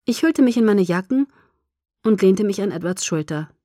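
A woman narrating an audiobook in the first person, in a calm, even and quiet manner. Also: medium pitch, moderate pace, dry recording, clean studio sound.

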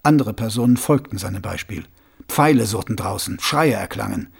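A man narrating a novel as an audiobook in a lively storytelling manner. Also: fairly low pitch, normal speed, creaky, breathy edge. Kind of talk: scripted narration.

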